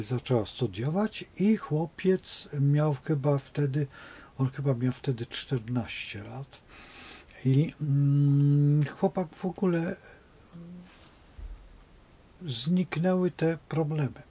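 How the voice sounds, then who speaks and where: A man's voice: mid-range voice, mellow, breathy edge. A man speaking as an astrologer in an unscripted monologue, rambling and digressive as he tells stories.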